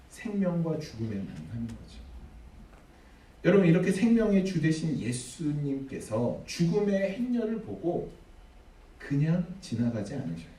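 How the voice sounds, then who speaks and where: A man's voice: a little high, dark tone. A man preaching a sermon as pastor, dramatic, acting out the figures he quotes. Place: church sanctuary. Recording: echoey hall, mic at a distance.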